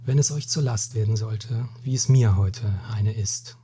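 A man voicing a weary, hot-tempered Spanish captain in a read-aloud story, solemn and weighty, with a very breathy, husky voice. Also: fairly low pitch, unhurried, dark tone. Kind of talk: storybook reading.

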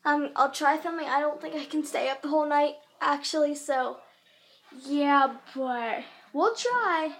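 A woman's voice: sits high, measured pace, a bit bright, rough recording. A young woman chatting casually to viewers in a home holiday vlog, giggly and talkative, filming on a handheld camera. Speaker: vlogger. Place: family home at Christmas.

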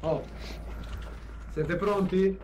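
A man playing a horror game with friends, shouting orders and swearing a lot. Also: high voice, steady tone, drawn-out words, slight background noise. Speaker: co-player. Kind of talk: casual gaming banter.

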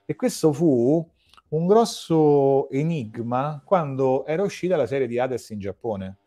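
In a casual interview chat, a man with a dark-toned mid-range voice speaks expressively at a measured pace. He goes on at length to his guest like a fan, rambling and restarting sentences often.

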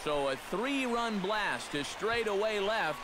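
A man voicing a video game's baseball play-by-play announcer with a measured, smooth broadcast delivery. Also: sits high, expressive, crowd noise, background noise. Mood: calm. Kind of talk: in-game broadcast commentary.

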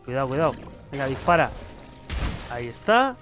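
A man with a Spain Spanish accent giving excitable gameplay commentary, swearing and shouting warnings at the screen. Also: mid-range voice, a little fast, over music. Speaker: gaming youtuber.

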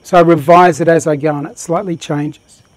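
Running a live motivational workshop, a man speaks passionately and energetically at normal speed in a steady tone. For a man his voice sits high, and the recording is close and dry, free of echo.

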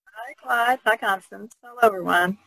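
A woman's voice: on the high side, normal speed, creaky, fairly bright tone, low-quality recording. A middle-aged or older American woman talking conversationally as a podcast co-host.

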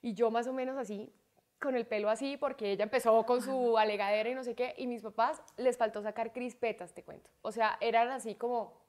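A woman in her thirties talks in a relaxed interview, her voice sitting a little high. She is expressive and quick to laugh, and acts out the voices of people she quotes. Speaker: guest. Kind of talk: casual interview chat.

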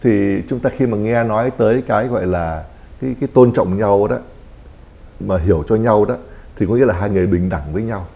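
A fast-talking priest, his low, mellow voice running on in a talk show discussion. He explains family life and slips into short acted-out quotes of people talking. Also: gravelly. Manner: explanatory, acts out little quoted dialogues.

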